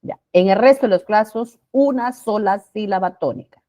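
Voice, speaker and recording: A woman's voice: medium pitch, highs cut off. Woman teacher explaining spelling rules. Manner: explanatory, repeats points and checks with "¿ya?"; stretches out example words slowly. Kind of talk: classroom lecture on spelling rules.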